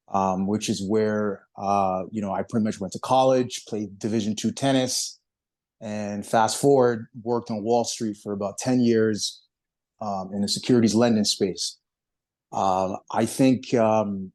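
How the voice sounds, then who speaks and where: Guest speaker, male, from Barbados; low voice, easygoing presentation over a video call. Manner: relaxed, with frequent "you know" and "um".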